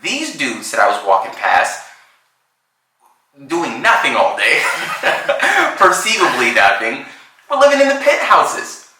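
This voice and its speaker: A man in his thirties co-hosting a podcast, telling a story in a casual, animated, slangy way with frequent laughs. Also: fairly high pitch, slow, heavy reverb, poor audio. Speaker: podcast co-host.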